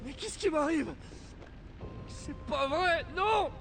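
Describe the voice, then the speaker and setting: A man's voice: extremely high pitch, sing-song, moderate pace, vocal fry, heavily acted. An actor playing a rattled, cocky young man with new superpowers in a video game dub, agitated and emotional. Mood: panicked, desperate. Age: young adult. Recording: game audio over noisy ambience.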